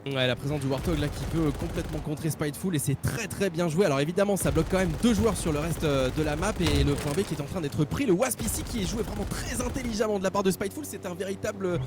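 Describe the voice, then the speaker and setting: A man's voice: high voice, fast, few pauses. A man giving casual, emphatic live commentary as an esports caster. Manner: excitable, emphatic. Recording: clear game noise behind the voice.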